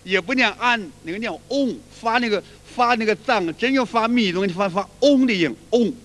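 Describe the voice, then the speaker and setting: The voice is a man's, high and fairly bright, moving at normal speed through a colloquial qigong lecture. Long reverb suggests a hall, and his folksy, repetitive talk is broken up by chants he sings to demonstrate.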